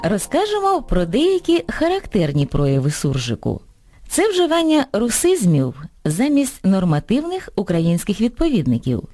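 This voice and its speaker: A woman presenting a scripted educational radio programme. She reads clearly and deliberately, setting correct word forms against incorrect ones. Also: mid-range voice, huge pitch swings, mellow, soft background music. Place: radio studio.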